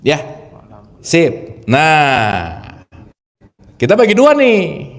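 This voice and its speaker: A man leads an informal spiritual lecture a high, bouncing voice. He keeps it chatty, quizzes his listeners and laughs easily, a light touch. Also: wildly swooping pitch, extremely slow. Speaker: spiritual teacher. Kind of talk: informal religious lecture to an audience.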